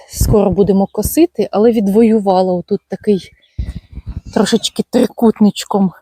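A woman's voice: medium pitch, mellow, breathy edge, no echo. A woman hosting a gardening channel, chatting fondly and casually outdoors in her garden, full of tender diminutives. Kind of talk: casual garden walk-and-talk.

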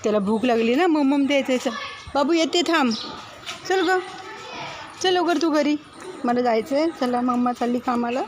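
A woman's voice: high voice, moderate pace, long pauses, background noise. A woman vlogging at home, talking in a sing-song baby-talk voice to her pets. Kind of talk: casual vlog, talking to pets.

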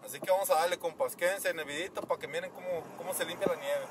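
Filmed on a phone held at arm's length, this thirties-aged vlogger with a Mexican accent chats quickly in a slightly high voice with fairly flat intonation. His casual talk is slangy and full of swearing, Chicano street style. It moves between a truck cab and snowy outdoors at night, with car and outside noise on the rough recording.

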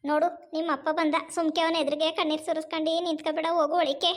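Very high-voiced woman in village skit. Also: level tone, very fast. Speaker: village daughter and mother in a comedy skit.

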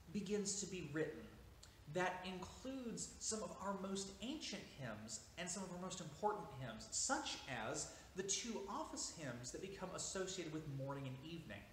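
A priest in his thirties, with a slightly high and fairly bright voice, gives an informal lecture while seated near a window in a small church. He explains things at length, full of fillers and restarts. A camera a few meters away picks him up in the echoey room, with a faint hiss underneath.

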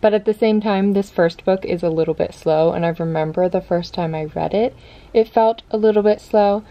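Speaking at a moderate pace in a lowish voice, a young American woman talks to camera as a book vlogger, keeping it casual, informal and reflective. She's indoors in her bedroom at home; the recording sounds muffled, though the ambient room noise is clear.

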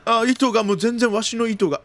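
A man doing jumpy let's-play commentary of a horror game, often repeating exclamations quickly and using old-man turns of phrase. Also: very high-pitched, a bit bright, a little hiss or hum. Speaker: video game streamer.

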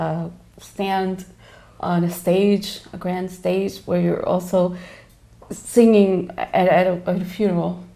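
A woman hosting a TV talk show, asking chatty, soft-spoken interview questions and often laughing. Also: fairly low pitch. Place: indoor TV studio set.

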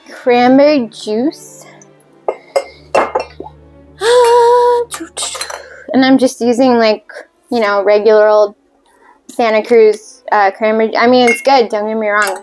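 A woman hosting a cocktail video, talking casually and rambling with fillers while she mixes drinks. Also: a little high. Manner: chatty, rambling, self-deprecating with fillers.

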